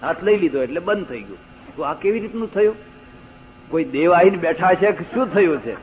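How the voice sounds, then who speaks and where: An older man with a Gujarati accent delivers a religious discourse full of anecdotes, slipping into the voices of the people in his stories. His voice sits somewhat high, and the recording is dull and lo-fi like an old archival tape. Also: expressive, fairly quick, slight background noise. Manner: storytelling, acts out quoted voices, rising emphatic stresses. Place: lecture hall.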